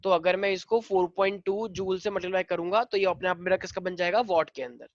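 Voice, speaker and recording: A man's voice: sits high, quick pace, no echo, muffled recording. Hindi-teacher man quizzing his class. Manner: mixes Hindi and English, drills students with questions. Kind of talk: online class problem-solving.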